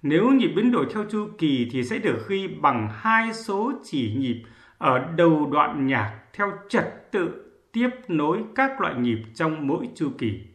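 Brief: male music instructor, higher-pitched voice, deliberate slow delivery, counts beats aloud. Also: sing-song, fairly bright tone, reverberant. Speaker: music theory teacher. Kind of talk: slow, measured lesson narration.

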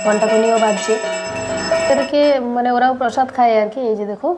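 A woman's voice: fairly high pitch, fairly even intonation, brisk, music in the background. A young woman, narrating her daily-life vlog while she has a cold, chatty and speaking straight to viewers with many fillers. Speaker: vlogger.

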